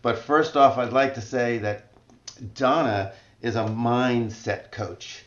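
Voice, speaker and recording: A man's voice: mid-range voice, slow pace. A man hosting a casual interview, chatty and a bit rambling. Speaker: host. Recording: roomy, dull lo-fi sound.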